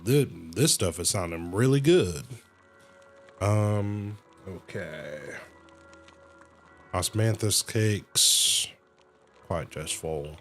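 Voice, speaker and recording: This deep-voiced, animated man speaks very slowly with long pauses while livestreaming a game. Video game music runs underneath as he casually reads lines aloud, reacts in slang, and occasionally stumbles and fixes himself.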